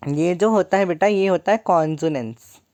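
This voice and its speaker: A woman's voice: on the low side, normal speed, darkish tone. A young woman teaching a poem in an online lesson, playful and joking, calling her students 'beta'.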